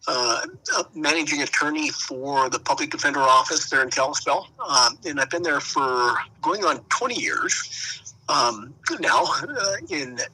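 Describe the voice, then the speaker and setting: A middle-aged man, a public defense attorney, talking over a speakerphone as an interview guest, halting with frequent "uh" and "um" pauses. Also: medium pitch, pushed and bright, poor audio. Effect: heard over a speakerphone.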